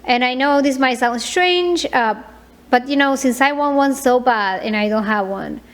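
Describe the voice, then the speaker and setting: A woman in her thirties talking in a personal vlog, soft and hesitant, with many fillers and repeated words. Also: high-pitched, moderate pace. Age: 30s. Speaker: vlogger.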